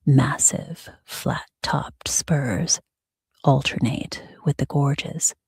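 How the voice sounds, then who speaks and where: A woman reading as a sleep story narrator in a hushed, soothing, breathy ASMR whisper with soft pauses. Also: rumbling low, no room sound, studio quality.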